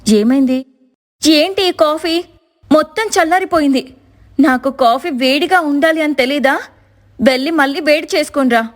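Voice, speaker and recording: Woman voicing a shrill spoiled young sister-in-law. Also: moderate pace, long pauses, natural voice. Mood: scheming. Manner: shrill, demanding, whiny. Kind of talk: cartoon voice acting.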